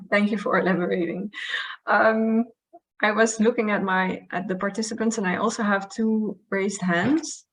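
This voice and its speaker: Hesitant woman moderating, mid-pitched. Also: poor audio. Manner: hesitant, searching for words. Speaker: host moderating questions. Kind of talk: informal online session moderation.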